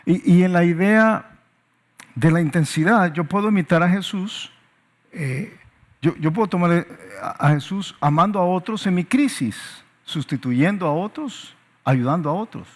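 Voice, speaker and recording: A man's voice: high-pitched, animated, measured pace. A male pastor preaching a sermon with emphatic repetitions and rhetorical questions.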